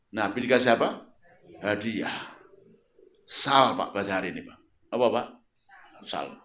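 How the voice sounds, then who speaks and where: A man preaching a sermon at home, telling a story with lively questions to his listeners. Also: medium pitch. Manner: lively storytelling, questions the audience and repeats words. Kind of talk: sermon to a local congregation. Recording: roomy echo.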